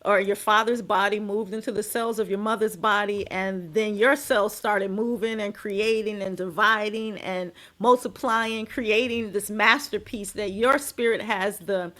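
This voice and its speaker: A middle-aged woman from the United States, speaking as a guest in a podcast interview. She tells her stories in an expressive way and leans hard on key words. Her voice sits at an ordinary middle pitch. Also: measured pace, hardly any pauses. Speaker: guest, dance and movement healer.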